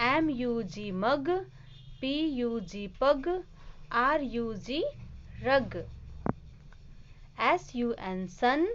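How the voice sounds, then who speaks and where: A woman's voice: on the high side, dull audio. A woman teaching a kindergarten English phonics lesson, spelling short words letter by letter and explaining them in Hindi.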